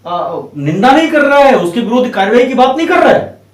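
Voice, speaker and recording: A man, a guest advocate, explains a legal issue through an animated story and acts out the voices in it. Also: very high voice, fairly quick, echoey room, recorded from a distance.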